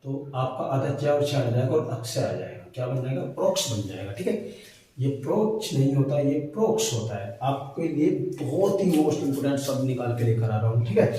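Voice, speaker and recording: A man's voice: medium pitch, expressive, a little fast, warm tone. A young adult male teacher explaining Hindi spelling mistakes, repeating each word and quizzing his students with questions. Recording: roomy echo, distant mic, faint noise.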